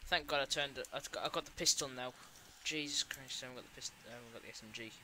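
A young man chatting over voice chat while gaming, excitable, often shouting and laughing. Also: mid-range voice, fast. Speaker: gamer. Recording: crowd chatter behind.

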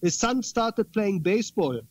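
A man's voice: high-pitched, animated, unhurried, darkish tone, no echo, muffled recording. A man speaking as a guest in an interview conversation, earnest and repeating words for emphasis.

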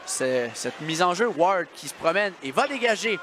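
A man with a Quebec French accent giving excited sports commentary as a hockey play-by-play announcer, shouting out shots and goals. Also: high-pitched, moderate pace, slight background noise. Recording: loud arena crowd and music behind. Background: hockey arena crowd, music.

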